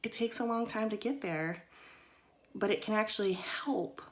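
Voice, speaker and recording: A woman's voice: mid-range voice, normal speed. A woman hosting a mindfulness talk in a casual teaching style, chatty and loose, often checking in with her listeners. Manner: conversational, often checks in with "right?" and "okay?"; loose and chatty, with frequent "kind of" and "you know".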